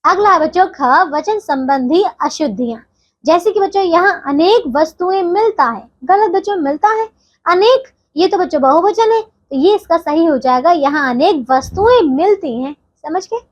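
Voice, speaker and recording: A woman's voice: very high voice, animated, normal speed, lo-fi sound. A woman teaching a grammar lesson to young children, patient and explaining step by step, often checking that they follow.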